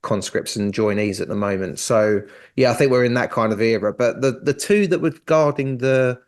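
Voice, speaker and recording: A man's voice: mid-range voice, normal speed. A man co-hosting a podcast in a casual, jokey way, laughing often. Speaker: podcast co-host. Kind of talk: casual chat.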